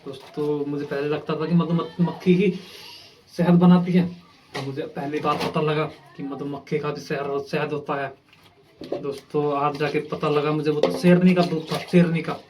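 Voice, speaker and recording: A young man talking to his viewers in a comic, deadpan village vlog while doing chores at home. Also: on the high side, moderate pace, a little hiss or hum. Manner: deadpan joking, addresses viewers as friends. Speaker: vlogger. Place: village home, outdoors while washing clothes.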